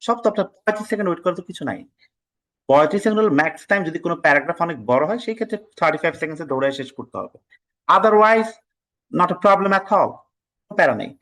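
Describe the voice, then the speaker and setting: A man's voice: high voice, expressive, a bit bright, low-quality recording. A man from Bangladesh leads an online test-prep class in a slightly raised voice. He lectures casually and drops English words into his sentences. Now and then he scolds his students. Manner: reads practice passages aloud slowly and deliberately.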